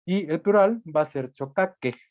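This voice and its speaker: A man teaching a language class speaks in a slightly high, expressive voice with a darkish tone and a moderate pace. The recorded lecture has no echo, and he thinks aloud as he explains things step by step, often checking in with tag questions.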